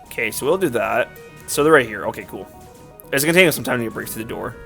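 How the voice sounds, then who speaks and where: A man talks through a video game in a loose, rambling way and fills his sentences with "like". His voice is gravelly, and his pitch jumps around a lot. Faint game music plays behind him. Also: lively intonation, fast, fairly bright tone. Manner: rambling, filler-heavy, frequent "like". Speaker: let's play YouTuber. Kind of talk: casual gameplay commentary.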